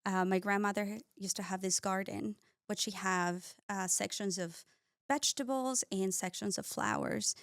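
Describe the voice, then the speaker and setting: A woman raised in Ecuador, a cosmetic scientist appearing as a guest, tells her story in a casual interview. She narrates warmly with frequent "uh"s and small grammar slips, her medium-pitched voice fairly even and moderately paced. The recording is clean studio sound with no echo.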